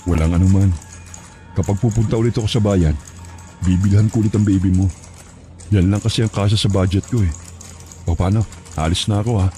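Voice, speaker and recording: A man's voice: lowish voice, steady tone, fairly quick, pauses often, warm tone, faint music behind, natural voice. A man voicing a generous, modest village man who talks in a friendly, easygoing way.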